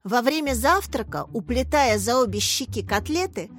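A woman narrating a children's story in a lively, expressive reading. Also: on the high side, normal speed, dry recording, studio quality, soft background music.

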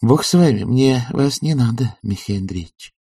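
A male reader voicing a meek landlady who scolds quietly in a husky voice. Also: medium pitch, animated, normal speed, dry recording, clean studio sound, voice pushed up. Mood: quiet reproach.

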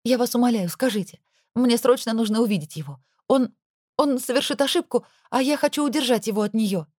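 A woman's voice: medium pitch, animated, a little fast, warm tone, slightly rough, no room sound, studio quality, voice pushed up. A woman voicing a desperate young woman in an audiobook, pleading urgently.

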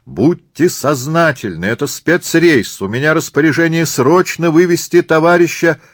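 A man reading an audiobook, voicing a burly, commanding man with a booming, drawn-out way of appealing to a crowd. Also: no echo, clean studio sound, natural voice. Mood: pleading.

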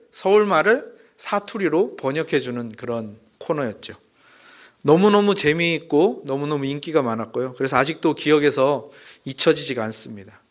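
A man preaching a sermon as pastor to his congregation, asking them questions and acting out quoted lines and jokes. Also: a bit bright. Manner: addresses the congregation directly with questions; acts out dialect jokes and quoted lines with rising pitch. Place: church.

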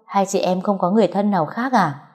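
A woman voicing a kind middle-aged woman who gently soothes a crying stranger. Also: mid-range voice, a little fast, husky, close to an everyday voice. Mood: consoling.

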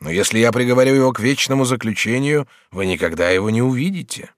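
A man's voice: medium pitch, fast talker, no echo, clean studio sound, close to an everyday voice. A man reading an audiobook voices a kindly, easily moved middle-aged prince regent, exclaiming and questioning with raised emotion. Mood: earnest. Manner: exclaiming, warm and agitated.

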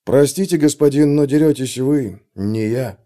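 A man voicing a calm, controlled bodyguard who speaks quietly and in a measured low voice. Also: close to an everyday voice.

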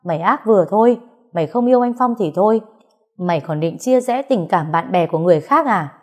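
A woman voicing a spiteful young female rival who whines and accuses in a shrill, raised voice. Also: expressive, fairly quick, lightly acted. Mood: shrill accusing.

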